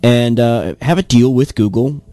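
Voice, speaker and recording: A man's voice: mid-range voice, unhurried, mellow, dry recording. A young man co-hosting a casual tech news chat, talking in a dry, hesitant way with many "uh"s. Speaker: podcast co-host.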